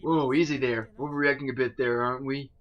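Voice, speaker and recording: A man's voice: medium pitch, steady tone, fairly quick, lo-fi sound, natural voice. A man voicing a cocky young man in a game, speaking in a smug, offhand, teasing way.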